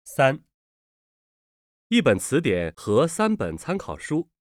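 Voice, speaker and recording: A man with a medium-pitched voice that swoops wildly reads drill words and sentences slowly for a Mandarin pronunciation lesson. He enunciates each one carefully in a deliberate textbook-recording style, and the studio-quality recording is dry.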